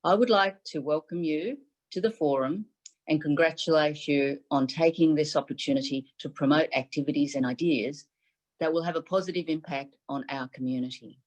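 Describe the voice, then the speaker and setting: Speaking from home over a webcam video call, the chief medical advisor, a middle-aged Taiwan-born woman whose first language is Mandarin Chinese, delivers a formal, measured symposium speech in short phrases. The recording is muffled, and her voice sits low with a slightly mellow quality.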